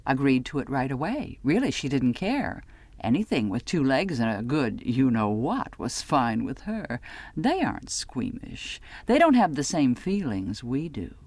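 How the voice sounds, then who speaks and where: Reading first-person literary fiction from a script, this audiobook narrator uses measured, dramatic phrasing. She has a bass, somewhat dark voice, recorded with no echo.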